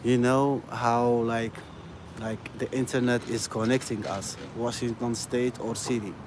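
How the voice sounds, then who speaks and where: An Algerian live streamer walks down a city street chatting casually into his phone, rambling amiably and constantly throwing in "you know" and "bro." His voice is an ordinary male middle pitch, darkish, a little slow, with little pitch movement. Urban ambience and passing vehicles are clearly audible behind him.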